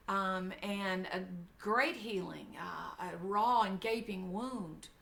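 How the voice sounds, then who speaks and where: A middle-aged woman from Mississippi with a Southern accent, telling personal stories in casual chat in a halting, reflective, heartfelt manner. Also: mid-range voice, creaky, sharp tone. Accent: Southern American, Mississippi. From Mississippi, USA. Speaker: guest singer and speaker. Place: indoor room with paintings, on a video call.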